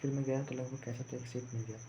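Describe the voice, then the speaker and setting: Through muffled, lo-fi audio with a faint background hum, a young adult man vlogs about his own exam day, casual, rambling and repetitive. He is a fast talker with a warm tone, a medium pitch and little pitch movement.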